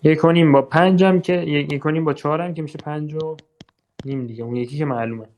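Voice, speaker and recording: A man's voice: on the high side, fairly even intonation, a little mellow. A young man with a Persian accent tutoring physics, chatting his way through exam questions, thinking aloud and checking in with students. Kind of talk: casual exam walkthrough lesson.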